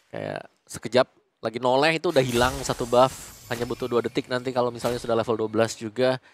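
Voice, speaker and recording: A man's voice: medium pitch, lively intonation, quick pace, slight background noise. A man commentating as an esports caster, explaining the game in a conversational, analytical way.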